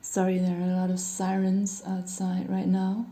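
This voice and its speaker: Her delivery completely flat, a woman from Germany talks through a casual tarot reading at home near a hospital, sirens audible outside. Her lowish, warm voice moves at normal speed and is slightly hoarse as she loses it. She rambles loosely with small hedges and frequent "you know."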